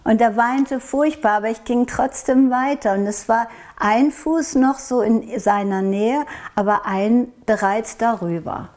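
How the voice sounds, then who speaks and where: A woman from Norway tells her story to an interviewer in a soft, reflective way, with a voice pitched a little on the high side. She often breaks off and restarts as she searches for the right words. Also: a little slow. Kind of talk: recounting a personal experience in an interview.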